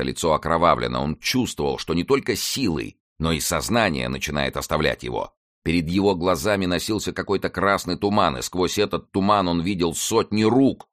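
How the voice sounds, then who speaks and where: Very deep-voiced male narrator. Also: no room sound, clean studio sound. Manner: expressive, dramatic reading. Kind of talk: audiobook narration of a historical novel.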